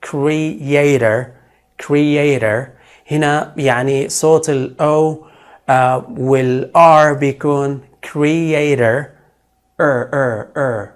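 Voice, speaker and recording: A man teaching English pronunciation, explaining in Arabic and slowly repeating each English word several times for the listener to copy. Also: medium pitch. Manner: switches between Arabic explanation and English examples. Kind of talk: pronunciation lesson.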